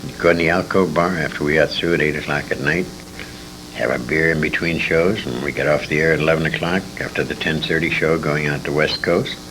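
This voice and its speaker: Speaking fairly quickly in a very deep, steady voice, this older former radio performer looks back on the past in an interview. He's an opinionated, emphatic storyteller full of feeling, captured on a noisy amateur convention tape.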